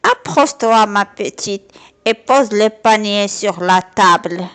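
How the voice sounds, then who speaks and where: A woman playing a sly, slow-talking big bad wolf. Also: mid-range voice, lively intonation, a bit bright. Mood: fake-sweet.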